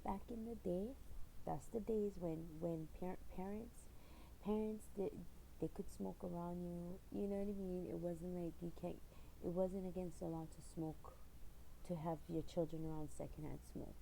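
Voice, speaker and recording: A woman's voice: lowish voice, fairly even intonation, moderate pace, gravelly, mellow, a little hiss or hum, rough recording. A middle-aged woman from Hawaii, chatting casually in her own vlog and telling stories with lots of fillers. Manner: rambling storyteller with frequent fillers and laughs. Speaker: channel owner.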